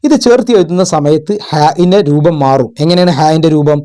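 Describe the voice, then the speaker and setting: A man tutoring children and parents, going through exam questions in a patient way, asking questions and repeating words slowly. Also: fairly high pitch, dark tone, clear, resonant tone. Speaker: madrasa tutor. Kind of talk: explaining exam answers.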